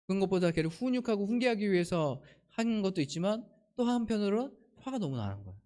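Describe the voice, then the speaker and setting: A man's voice: high voice, sing-song, quick pace, dark tone. A male pastor preaching a sermon, telling a family story and putting questions to the congregation. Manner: acts out quoted family lines.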